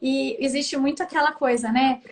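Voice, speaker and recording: A middle-aged Brazilian woman with a high, bright-pitched voice, hosting a live online conversation as a speech therapist. She talks in a chatty, easygoing way, keeps asking "né?", and now and then acts out examples of intonation. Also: fairly even intonation, moderate pace, slight background noise. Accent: Brazilian Portuguese. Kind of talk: casual live-stream conversation.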